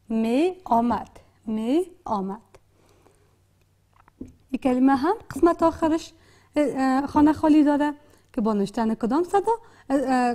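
A woman with an Afghan Dari accent leads a patient literacy lesson, slowly sounding out and repeating words. Her voice sits high in pitch but has a dark, mellow tone. She pauses often with soft hesitation sounds. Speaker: literacy teacher. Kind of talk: classroom lesson.

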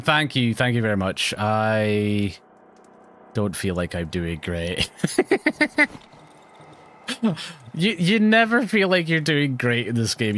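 A man commentates live on a horror game, his pitch leaping all over the place. He talks straight to his viewers, swears freely and startles easily. A faint noise hum sits under his voice. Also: a bit bright. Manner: jumpy, swears often, chats to viewers. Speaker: let's play streamer.

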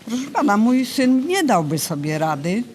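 A woman's voice: a little high, sing-song, moderate pace, a little mellow, a little hiss or hum. An old woman in her seventies speaking in a casual interview, polite but insistent, with a folksy manner. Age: 70s. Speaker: interviewee, retired grandmother.

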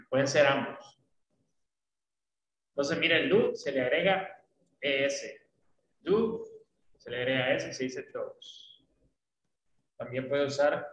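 A man's voice: medium pitch, reverberant, low-quality recording. A man teaching an online English class, explaining patiently and often checking that students follow. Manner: patient, often checks understanding with tag questions.

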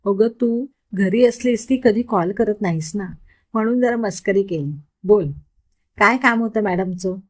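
A woman's voice: medium pitch, a little slow, natural voice. A woman voicing a cheerful, easygoing young man who jokes with his friend in story dialogue. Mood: joking. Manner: easygoing, joking.

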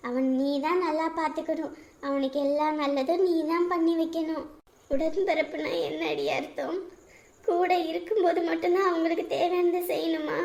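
An actress playing a grieving elder sister in a family drama, speaking in a tender, pleading way. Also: female voice, very high voice, roomy sound. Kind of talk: emotional village drama dialogue.

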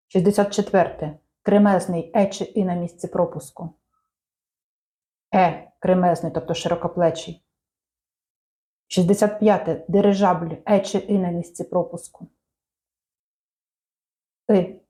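A woman reading out language quiz questions and answers in a measured, clear teaching manner. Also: fairly low pitch, warm tone. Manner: measured, clear dictation-like delivery.

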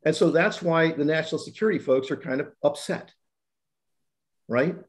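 A man in his sixties debating on a video call, insistent and quick to interrupt. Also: fairly high pitch. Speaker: panelist, economist.

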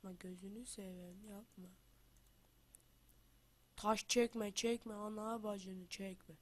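A woman hosting her gaming channel while down with the flu, talking through her game in a loose, chatty way. She shouts excited trash talk at other players, then sinks into low, half-whispered muttering as she plans her moves. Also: takes it slowly. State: has the flu. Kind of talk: casual gameplay commentary.

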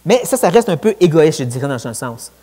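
A man with a Quebec French accent preaching a sermon in a church, lively and conversational, with colloquial asides. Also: fairly high pitch, brisk, breathy edge. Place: church sanctuary. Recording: long church hall reverb.

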